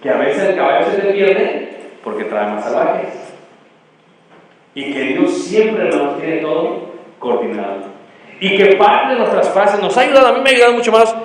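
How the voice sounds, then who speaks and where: A man's voice: high-pitched, very animated, moderate pace, pauses often. A middle-aged man preaching a storytelling sermon and quizzing the congregation with fill-in questions. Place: church hall. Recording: echoey hall with long reverb.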